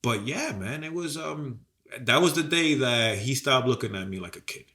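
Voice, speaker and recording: A man's voice: medium pitch, animated, moderate pace, bright, forceful tone. A man with a cold, co-hosting a podcast and telling a rambling, profane story in casual chat. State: sick with a cold. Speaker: podcast co-host.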